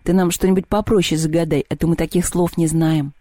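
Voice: mid-range voice, fairly even intonation, brisk, dark tone, no room sound, studio quality, natural voice. A reader voicing a polite, earnest girl asking for help. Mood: pleading. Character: earnest schoolgirl, polite and pleading.

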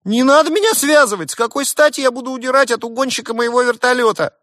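A man's voice: very high voice, fast, a bit bright, dry recording, studio quality, voice pushed up. A man voicing an indignant male jackal pilot who squawks in outrage. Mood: outraged.

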